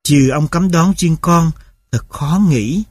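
A man narrates a novel in a steady, measured audiobook reading. His voice sits somewhat high for a man. The sound is close and dry, with no room echo. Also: breathy edge.

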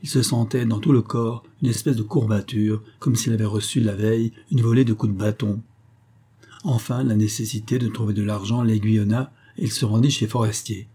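A man reading a classic novel aloud in a steady, measured narration. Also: lowish voice, slightly rough. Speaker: audiobook narrator.

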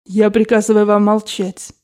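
A woman's voice: medium pitch, flat delivery, normal speed, warm tone, lightly acted. A woman reading the part of a proud, scornful young woman, with a cold and contemptuous delivery. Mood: indignant.

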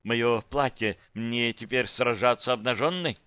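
Young female demoness, voiced by a man, breathy, pleading, trembling, audiobook figure, bright tone. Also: mid-range voice, measured pace, no echo, studio quality. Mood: shy subdued.

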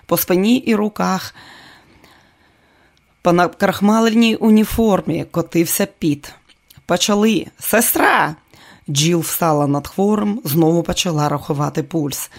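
Steady audiobook narrator. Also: medium pitch, a little slow.

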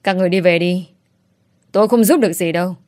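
A woman voicing a bitter young woman who accuses her relatives in quick, sharp outbursts, in an audiobook. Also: fairly low pitch, dry recording, clean studio sound, close to an everyday voice. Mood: bitter, accusing. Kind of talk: audiobook character voice.

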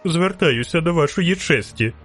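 A man voicing a frightened, stout noblewoman chaperone who talks in a shrill, breaking, indignant way. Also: lively intonation, moderate pace, a bit bright, husky, faint music behind. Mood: pleading, indignant.

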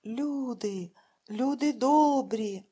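Lady putting on a panicky old blind guy, begging for help, out of breath, husky and mellow. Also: sits high, steady tone, normal speed, voice pushed up. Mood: desperate pleading. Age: older. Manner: pleading, breathless. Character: old blind male bandurist, frantic with worry.

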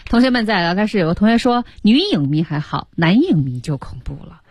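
A woman's voice: medium pitch, very animated, fairly quick, darkish tone, breathy edge, no echo. A woman co-hosting a radio English lesson, translating lines into Chinese and reacting with exclamations. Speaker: radio co-host. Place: radio studio.

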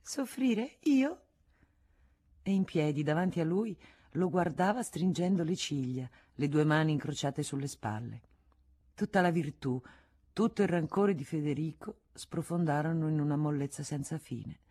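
A woman reading a classic novel aloud in a measured, expressive way. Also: low voice. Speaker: audiobook reader. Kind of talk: literary audiobook narration.

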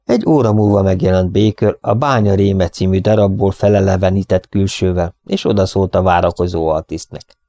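A man narrating an audiobook in an even, measured reading. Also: deep voice, dry recording, clean studio sound. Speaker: audiobook reader.

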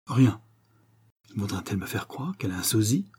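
Man voicing a young count, ironic and stiff, low dark voice, husky. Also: sing-song, moderate pace, exaggerated voice. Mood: muttering. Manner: bitter, ironic, muttering to himself.

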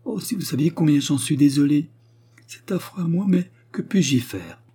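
Man putting on a tearful young woman, pleading, higher voice, husky warm tone. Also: animated, normal speed. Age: 20s.

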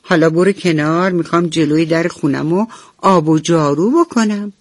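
A woman's voice: deep voice, no room sound, clean studio sound. A woman voicing a stubborn, brusque grown-up lady rabbit in a radio bedtime story. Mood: bossy. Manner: brusque, bossy.

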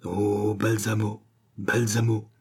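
Anguished idealistic doctor, a man reading him, raised cries, low husky voice, dark tone. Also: level tone, slow pace, heavily acted. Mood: sorrowful.

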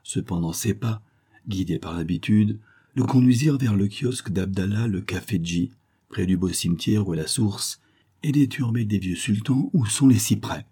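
A man reading a classic tale aloud in a measured, expressive storytelling manner. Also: on the low side, breathy edge. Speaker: narrator.

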